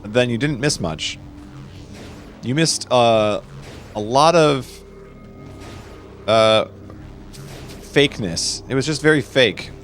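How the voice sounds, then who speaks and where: A man's voice: medium pitch, slow, pauses often, fairly bright tone, faint music behind. A man casually chatting with his viewers and answering their questions while he plays a game on a live stream. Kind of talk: live gameplay stream commentary.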